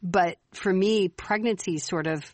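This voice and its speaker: A woman's voice: medium pitch, unhurried, a little mellow, no echo. Earnest woman co-host, dry close sound. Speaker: podcast co-host. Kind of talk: casual chat.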